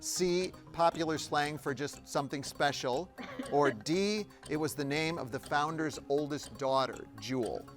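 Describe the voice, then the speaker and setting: A male quiz show host who narrates and reads out questions. He jokes with contestants and laughs often. His voice sits a bit high, and faint music plays underneath. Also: measured pace. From Evanston, Illinois. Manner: jokey and playful, laughs often. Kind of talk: game show hosting and narration.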